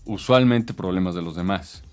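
Low-voiced consultant explaining business. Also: male voice, moderate pace, faint music behind. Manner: explanatory, hesitant with many fillers. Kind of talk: casual chat.

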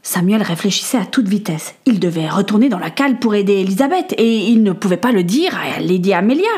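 A woman narrating a storybook adventure in a clear, expressive reading. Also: medium pitch, brisk.

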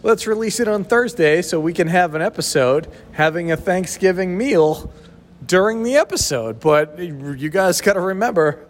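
Recorded in a sheltered outdoor location with heavy, echoey reverb, this man co-hosts a podcast. He has a high, expressive voice at normal speed. His tone is easygoing and teasing, with plenty of chuckles in the casual banter.

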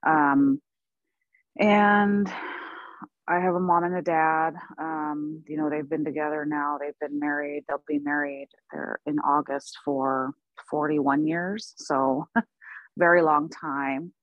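A woman in her forties from Oklahoma, talking softly and thoughtfully as a podcast guest, with many pauses and laughs. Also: sits low, steady tone, no echo, phone-quality sound. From United States (Oklahoma). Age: 40s. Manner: soft-spoken, laughs often, thoughtful with many ums. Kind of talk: casual interview.

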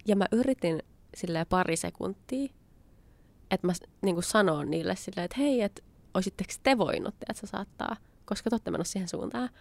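A woman's voice: mid-range voice, lively intonation, gravelly, a little mellow, no echo. A young adult woman telling a personal anecdote in a chatty way, acting out what she said at the time. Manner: chatty, acts out her own past lines with quoted asides. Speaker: storyteller. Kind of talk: casual spoken anecdote.

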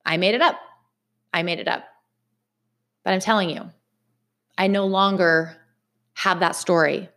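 Chatty, animated woman. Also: on the low side, measured pace, long pauses. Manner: animated, chatty, repeats phrases for emphasis. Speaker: vlogger. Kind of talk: casual motivational talk to camera.

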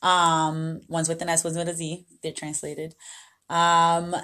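Woman, late 20s, from Colombia, podcast guest, casual, chatty, lowish voice. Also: monotone, bright, forceful tone. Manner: chatty, quick bursts, laughs easily. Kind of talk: casual conversation.

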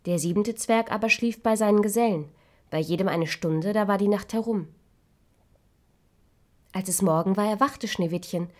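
Calm woman reading a fairy tale. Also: medium pitch. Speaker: narrator. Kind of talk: fairy-tale read-aloud.

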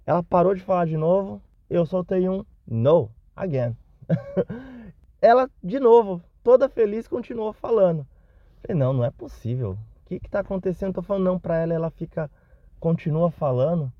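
A man with a high-sitting, brisk voice tells a self-deprecating Christmas anecdote in a recorded message as a listener, retelling it animatedly in a casual way. The recording is dry, with the highs cut off.

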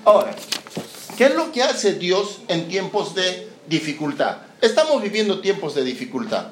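A man's voice: high-pitched, normal speed, slight background noise. A man with a Chilean accent preaching a sermon, joking and acting out scenes. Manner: lively, joking, acts out scenes. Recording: roomy echoing hall.

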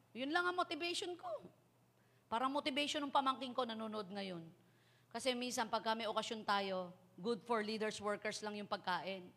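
A woman's voice: medium pitch, fairly bright tone. A woman preacher giving a chatty, joking sermon and mixing in English phrases.

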